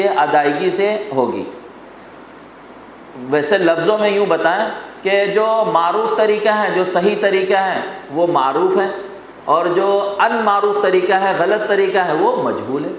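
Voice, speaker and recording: A man teaching a Quran recitation class, explaining rules step by step, quizzing his students and repeating lists. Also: high-pitched. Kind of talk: classroom lesson. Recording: very echoey hall with faint noise.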